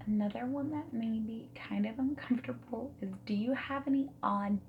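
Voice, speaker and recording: In a soft-spoken ASMR roleplay, a woman speaks breathily and often drops into whispers, asking gentle, reassuring questions like a friendly interviewer. Her voice is a little high and her pace moderate, with phone-quality sound. Steady noise and mechanical keyboard typing and clicks fill the background.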